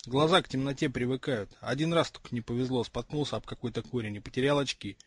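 A man reading the lines of a brisk, confident schoolboy wizard in an audiobook, in a slightly husky voice with an offhand manner. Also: medium pitch, no room sound, close to an everyday voice. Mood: explaining.

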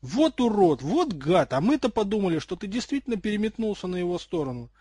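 A man doing a loud, rattled teenage boy. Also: on the high side, animated, brisk. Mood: agitated.

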